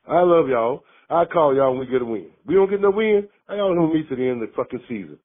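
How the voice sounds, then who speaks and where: A man's voice: fairly high pitch, expressive, fast talker. Furious man ranting on a phone line. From Mississippi, USA. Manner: angry, profane, fired-up ranting. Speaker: caller. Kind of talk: call-in sports rant.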